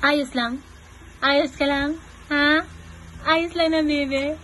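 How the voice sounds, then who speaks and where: A woman, coaxing a baby in soft baby talk that mixes English with her own language. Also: high-pitched, fairly even intonation, takes it slowly, a little hiss or hum, poor audio. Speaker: caregiver talking to a baby.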